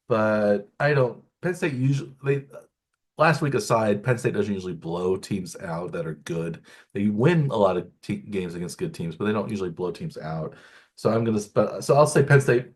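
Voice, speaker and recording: A middle-aged man co-hosting a sports podcast, rambling through picks with lots of restarts and fillers. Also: on the low side. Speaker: podcast co-host. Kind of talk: casual sports chat.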